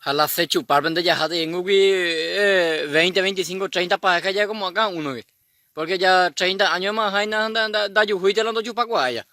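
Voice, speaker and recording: A high-pitched male comedian with a bright, sharp voice. He rambles through a comic monologue full of mumbled, clipped filler syllables. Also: fairly even intonation, fairly quick, dry recording. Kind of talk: comic monologue in rapid slang.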